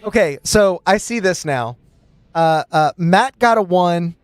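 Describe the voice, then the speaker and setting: A man narrating a live-streamed tabletop game as game master, chatty and quick to laugh, with lots of fillers. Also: sits high, lively intonation, dry recording.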